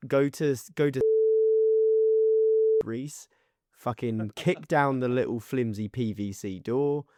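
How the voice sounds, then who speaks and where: A man's voice: mid-range voice, takes it slowly, a little mellow, no room sound, studio quality. A man trading casual podcast banter in a mocking, sweary way. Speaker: podcast panellist.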